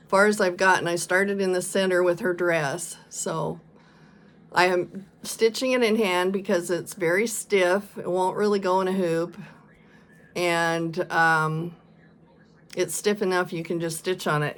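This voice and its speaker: A woman chatting casually as a vlog host, showing her stitching projects, with a relaxed, rambling manner and plenty of ums. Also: on the low side. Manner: slow, chatty, many ums and pauses. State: coughing and sneezing now and then. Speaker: flosstube vlogger. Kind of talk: casual show-and-tell chat.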